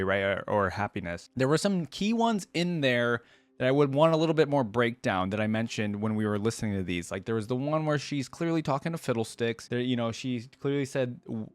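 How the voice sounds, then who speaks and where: Hosting a reaction video, a man offers casual commentary, musing and thinking aloud as he goes and repeating phrases he hears. His voice is medium-pitched and smooth, with no room sound.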